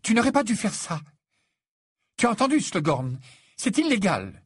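A man voicing an earnest, determined teenage girl who speaks in a shrill, insistent way. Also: big pitch swings, normal speed, breathy edge, no echo, clean studio sound, exaggerated voice.

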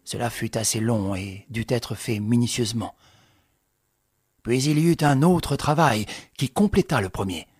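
A man's voice: mid-range voice, darkish tone, husky, no room sound, studio quality. A man reading a novel aloud in a dramatic audiobook style, lifting his voice with the action. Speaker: narrator.

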